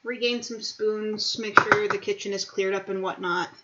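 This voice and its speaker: A woman hosting a casual cooking stream, chatty and playful, sounding a little low on energy. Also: steady tone, normal speed, very noisy. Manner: chatty, playful, laughs often. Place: home kitchen. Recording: echoey dull home recording.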